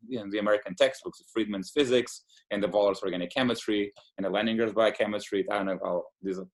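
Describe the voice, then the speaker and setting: The guest is an immunologist from Portugal, a man in his thirties with a lowish voice. He speaks with enthusiasm in an informal interview, stumbling through many fillers and restarts.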